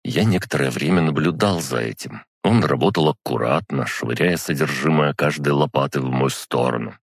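A man narrating a first-person audiobook in a measured, dry storytelling manner. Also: rumbling low, creaky, husky, no room sound.

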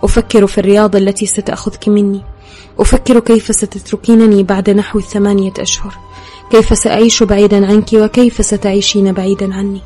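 A woman's voice: mid-range voice, flat delivery, fast, warm tone, soft background music. A woman reading a novel aloud in an intimate first-person style. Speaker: audiobook narrator. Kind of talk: scripted narration.

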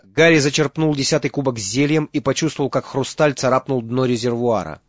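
A man reading an audiobook as narrator, in steady dramatic storytelling. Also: mid-range voice, brisk, dry recording, dull audio. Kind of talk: scripted narration.

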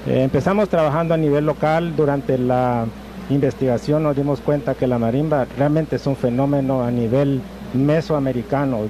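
A man speaks as a guest author, measured and thoughtful, pausing often as he gathers his words. His voice sits in a middle register. Street traffic is clearly audible around him. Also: medium pitch. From Guatemala. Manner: measured, thoughtful, with frequent hesitations. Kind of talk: interview answers. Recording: noisy outdoor traffic background.

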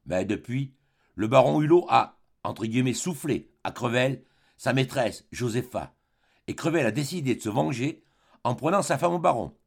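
A man narrating an audiobook of a classic novel in a measured, expressive literary reading. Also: medium pitch, creaky, breathy edge. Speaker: audiobook reader.

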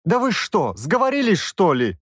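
A man's voice: high-pitched, huge pitch swings, normal speed, slightly rough, dry recording, studio quality, pitched above the performer's own voice, exaggerated voice. A man voicing a young, imperious princess who gives orders and snaps back sharply. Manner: demanding, sharp retorts.

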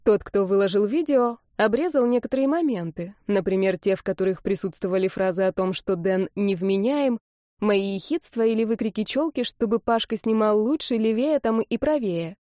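A young woman narrating a first-person audiobook in a lively, expressive way. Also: medium pitch, normal speed, no echo, clean studio sound.

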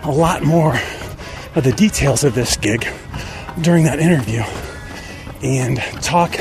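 A middle-aged podcast host with a gravelly, medium-pitched voice talks a little slowly. He speaks in a conversational, personal way, moving between a monologue and interviewing.

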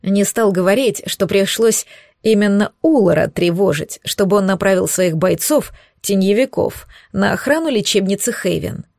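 A woman narrating an audiobook in an even, wry storytelling manner. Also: mid-range voice, normal speed, gravelly, no room sound, studio quality.

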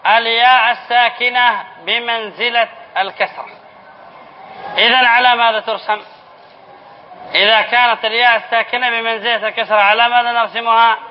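A male teacher giving a classroom lesson on spelling rules, repeating key phrases, asking the class questions and then answering them, and dictating example words slowly. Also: very high-pitched, level tone. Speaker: Islamic studies teacher. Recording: dull lo-fi lesson recording with faint hiss.

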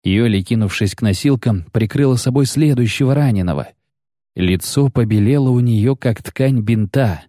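A male audiobook narrator with a mid-pitched voice, reading in a steady, even manner. The recording is dry and close, with no room sound. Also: moderate pace, no room sound. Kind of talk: scripted narration.

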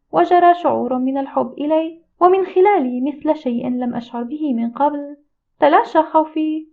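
A woman reading a first-person audiobook in a steady, reflective storytelling manner. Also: high voice. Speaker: audiobook narrator. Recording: tinny phone-like audio.

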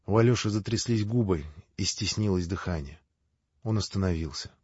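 A man reading a classic novel aloud with measured, expressive narration. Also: low voice, breathy edge, no echo. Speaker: audiobook narrator. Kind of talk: literary audiobook narration. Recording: dry, slightly dull lo-fi.

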